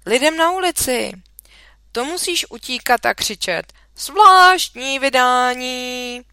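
A woman reading puts on a blunt, hungry storybook schoolboy with greasy hands, offhand and quick to bristle. The voice is bright and crisp, in a dry, close sound. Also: sits high, very animated, dry recording, voice pushed up, exaggerated voice.

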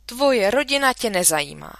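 A woman's voice: fairly high pitch, big pitch swings, vocal fry, a bit bright, no echo, voice pushed up, heavily acted. A woman reading a children's story aloud, voicing an indignant, scolding mother in a dry room. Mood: accusing.

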